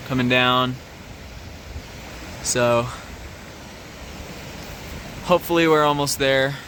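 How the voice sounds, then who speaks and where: Laid-back guy talking a hike on a handheld cam, outdoors, faint background hiss. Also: medium pitch. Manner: relaxed, chatty, many fillers. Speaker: hiking vlogger. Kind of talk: casual narration on a hike. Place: outdoors on a mountain trail.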